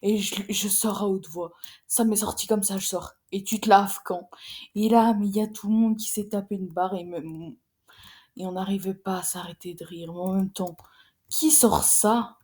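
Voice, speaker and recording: A teenage girl, chatting casually to her viewers in a fast, rambling, slangy way with some swearing. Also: medium pitch, little pitch movement, warm tone, husky. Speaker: vlogger, secondary school student. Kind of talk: casual chat to camera.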